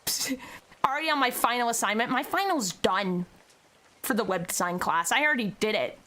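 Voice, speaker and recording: A woman's voice: fairly high pitch, fairly quick. A young woman streaming, chatting casually and directly with her viewers. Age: young adult. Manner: chatty, talks to chat directly, bursts into excited squeals. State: tearful with joy. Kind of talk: casual livestream chat.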